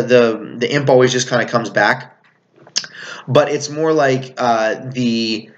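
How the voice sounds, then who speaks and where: A man's voice: mid-range voice, a bit bright. A man, a game master, casually recapping a tabletop game session and often correcting himself mid-sentence. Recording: slightly dull lo-fi sound.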